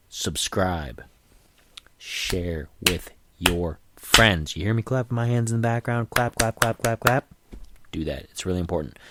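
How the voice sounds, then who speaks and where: Chatty low-voiced man rambling to listeners. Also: a bit bright, no room sound. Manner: chatty, digressive, often restarts and self-corrects; earnest, reassuring asides to listeners. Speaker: podcast host. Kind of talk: casual rambling monologue.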